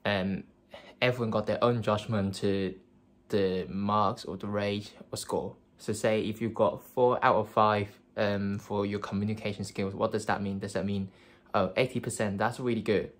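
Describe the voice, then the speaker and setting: He's a young Cantonese-speaking vlogger from Hong Kong giving laid-back career tips to camera. The voice is low and flat; the manner is sincere, peppered with fillers and restarted sentences.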